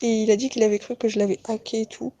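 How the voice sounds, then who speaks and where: A woman's voice: fairly high pitch, level tone, quick pace, mellow, no room sound. A young woman giving a casual, rambling testimony full of fillers. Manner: rambling, many fillers like "et tout" and "bref". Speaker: testimony giver.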